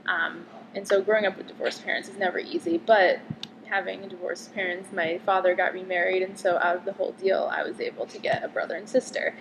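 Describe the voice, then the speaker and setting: Brisk and level in tone, this Connecticut woman in her twenties speaks at a medium pitch against a noisy background. She's a medical student fielding interview questions in a relaxed, talkative way, leaning heavily on "um" and "like."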